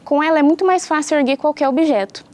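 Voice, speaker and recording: A young woman teacher from Brazil, giving a patient home science lesson that explains things clearly and asks the pupils questions. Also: high voice, fast talker, darkish tone.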